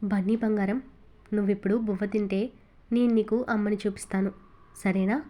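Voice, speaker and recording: A woman voicing a loving young father who gently soothes his son and stays resolute. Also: medium pitch, flat delivery, normal speed, close to an everyday voice. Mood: tender.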